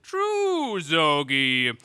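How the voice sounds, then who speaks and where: An actor playing a merciless, pompous space emperor in a theatrical, imperious 1930s radio serial style. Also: male voice, a little high, huge pitch swings, pushed and bright, smooth, dry recording, full character voice. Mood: imperious scheming. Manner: theatrical, imperious, slow and deliberate.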